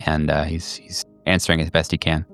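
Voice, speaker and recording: Guy running a tabletop game, low clear voice, halting narration, bit of music behind. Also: flat delivery. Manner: halting, searching for words. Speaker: game master. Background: soft music.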